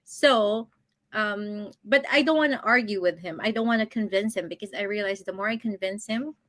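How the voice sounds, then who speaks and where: Chatting as an interview show guest, this online business coach in her thirties shares her personal experience casually and laughs frequently between ideas. Her medium-pitched voice is a bit bright, at normal speed, with no room sound.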